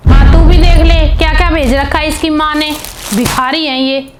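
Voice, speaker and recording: A woman's voice: extremely high pitch, normal speed. A woman voicing a greedy, scornful middle-aged mother-in-law who scolds and insults her daughter-in-law. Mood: complaining. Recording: piano music behind.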